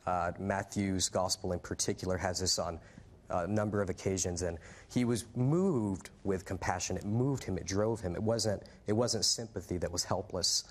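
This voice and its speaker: A man's voice: sits low, moderate pace. A man, a guest preacher, telling his personal testimony in an interview, earnest and fluent with frequent "uh" fillers.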